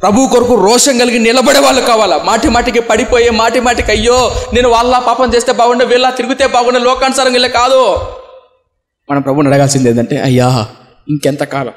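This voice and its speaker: A young man preaching a sermon, impassioned, acting out the voices of people in his story and swinging from soft speech to shouting. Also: very high-pitched, fairly even intonation, a little fast. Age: young adult.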